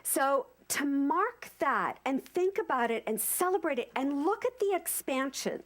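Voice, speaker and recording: A woman in her fifties gives an informal sermon at a spiritual center, talking straight to the congregation. She is animated and circles back on her phrases for emphasis. Her voice sits a little high for a woman. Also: unhurried. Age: 50s. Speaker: speaker at a spiritual center service.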